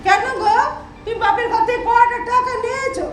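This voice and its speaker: A woman's voice: very high-pitched, steady tone, brisk, a little hiss or hum. A deaf, cranky mother-in-law. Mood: confused. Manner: querulous, confused, sharp-tongued. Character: hard-of-hearing mother-in-law, mishearing everything. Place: large auditorium stage. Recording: echoey hall from far off.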